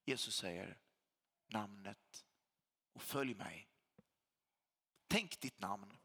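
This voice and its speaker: A man delivers a sermon with a bright, slightly raised voice that rises and falls in wide, animated swings. His tone is a little husky, and he leans on repetition to drive points home. The sound carries a long hall reverb, as in a church. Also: fairly low pitch. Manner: emphatic preacher, repeats phrases for weight. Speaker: pastor.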